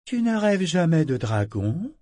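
A gentle young bead maker with a lifted, soft voice that moves slowly and searches for words, as a man reads her. Dry, close recording, in an unhurried storybook reading. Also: a little high, very animated, dry recording, pitched above the performer's own voice. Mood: probing.

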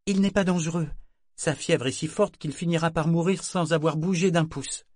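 A man doing a gaunt, gentle, stubborn youth. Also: fairly high pitch, normal speed, dry recording, studio quality, pitched above the performer's own voice, close to an everyday voice. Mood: pleading. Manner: soft but insistent. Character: gaunt ragged young man, gentle and persistent.

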